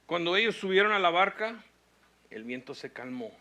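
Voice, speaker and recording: The man's voice is high-pitched, sing-song and sharp as he preaches a sermon. He reads scripture, tells a story set in a hospital, and climbs to intense peaks with slow, emphatic phrasing.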